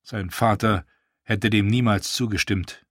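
A man calmly reading an audiobook as a narrator. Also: on the low side, measured pace, breathy edge, no room sound, clean studio sound. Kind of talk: scripted narration.

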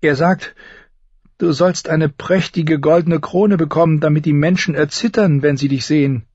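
A man voicing a young queen who pleads softly and steadily. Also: a little high, fairly even intonation, moderate pace, slightly rough, no echo, lo-fi sound, pitched above the performer's own voice. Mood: calm. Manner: pleading, soft.

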